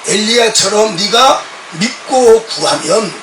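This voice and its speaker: A middle-aged male pastor preaching a sermon with passion and often shouting out quoted words, recorded in a church from a distance. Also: sits high, expressive, slow, noisy background. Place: church sanctuary. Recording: echoey church sound from a distant mic.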